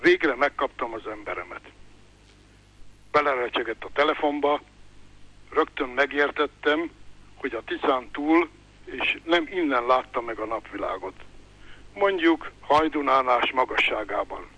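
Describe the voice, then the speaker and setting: A man reading his own humorous story aloud in a dry, understated, deadpan manner. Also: mid-range voice, pauses often, husky, highs cut off. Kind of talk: deadpan comic narration.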